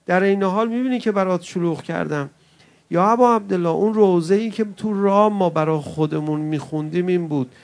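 High-voiced man preaching an impassioned sermon. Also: creaky. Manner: swings between loud impassioned cries and soft, intimate address to the audience; chummy, calls listeners friends. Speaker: preacher at a mourning gathering. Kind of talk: emotional religious sermon.

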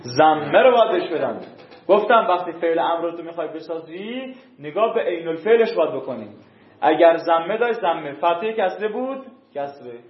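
Male teacher, classroom grammar lesson, rather high voice, dull roomy recording, drilling and quizzing. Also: lively intonation. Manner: drills conjugations, quizzing students.

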